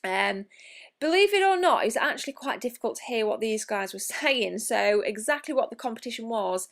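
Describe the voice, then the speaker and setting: A woman's voice: on the high side, lively intonation, brisk, fairly bright tone. A young woman narrating her gaming convention vlog in a chatty, enthusiastic way, with frequent ums and the odd swear word. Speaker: gaming vlogger.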